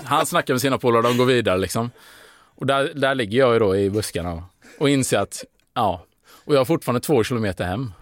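A man's voice: mid-range voice, slight background noise. A man telling a long, rambling story on a podcast, full of fillers and restarts. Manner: rambling, hesitant, with fillers and laughing. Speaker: podcast guest. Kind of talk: casual storytelling.

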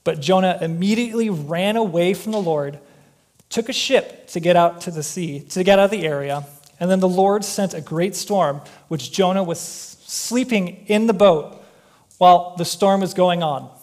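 Chatty man preaching, slightly higher voice. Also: moderate pace. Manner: relaxed and chatty, with joking personal asides. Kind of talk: conversational sermon.

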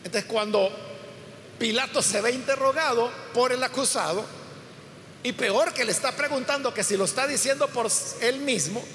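A man's voice: very high voice, moderate pace, pushed and bright. A man teaching a Bible passage as a preacher, explaining step by step and acting out the quoted dialogue with emphasis. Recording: hall reverb with faint room noise.

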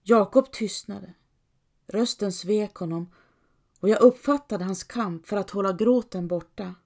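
A woman narrating a story in the first person, in a measured, intimate storytelling manner. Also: medium pitch, a little mellow. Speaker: audiobook narrator.

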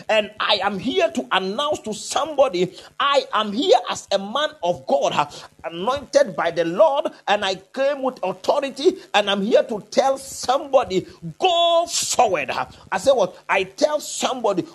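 A man preaching as a charismatic faith healer, shouting forceful, repetitive commands and declarations in a strained voice. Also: extremely high pitch, big pitch swings, unhurried, husky. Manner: repetitive, chant-like insistent phrasing. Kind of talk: charismatic prophetic sermon and prayer.

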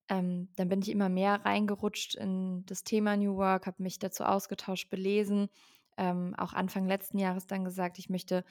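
A woman's voice: mid-range voice, a little mellow. A woman in her twenties, a company founder, speaking as a podcast guest and explaining fluently with frequent ähm fillers. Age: 20s. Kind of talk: podcast interview.

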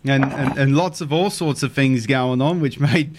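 This radio fishing show host, a man with a Queensland Australian accent, talks with callers in a chummy, casual manner from the studio. He speaks at medium pitch and moderate pace over background noise.

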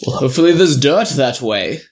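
Tabletop role: male player as deadpan trapped soul in orb form, musing, middle-pitched. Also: brisk, lightly acted. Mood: wry. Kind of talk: tabletop role-play acting.

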